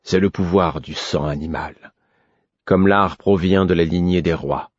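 A man doing a gruff, brooding stablemaster. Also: fairly even intonation, a little slow, no room sound, muffled recording. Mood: brooding, menacing. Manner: low brooding menace, rising to roaring anger. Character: gruff grown man, stern stablemaster, drinking, bitter.

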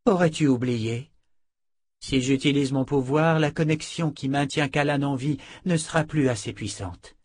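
A man's voice: medium pitch, normal speed, no room sound, voice pushed up, natural voice. A man voicing a self-righteous young sorceress who lectures with indignation. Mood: calm.

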